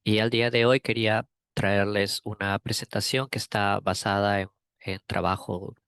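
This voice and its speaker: Man from Peru, webinar speaker, low voice, gravelly, measured delivery with fillers. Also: little pitch movement, a bit bright, dry recording. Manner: measured, with frequent fillers and restarts. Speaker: guest speaker. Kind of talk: technical webinar talk. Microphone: video call.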